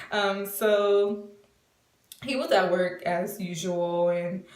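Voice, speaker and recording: A chatty woman in her twenties tells a casual storytime with plenty of fillers, slipping into the voices of the people in it. She sits back from the mic in a roomy, echoing space, and her pitch sits in the middle range. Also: drawn-out words. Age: 20s. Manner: chatty, many fillers, acts out quotes. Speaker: vlogger. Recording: roomy, from a distance.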